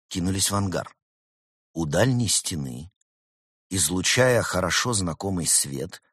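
A man's voice: low voice, fairly bright tone, slightly rough, dry recording, clean studio sound. A man reading a children's storybook aloud, narrating expressively and voicing the characters.

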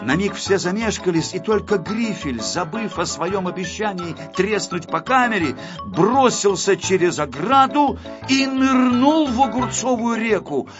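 A man narrating a children's storybook in an expressive, lively way. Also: high-pitched, unhurried. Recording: dull lo-fi with faint music.

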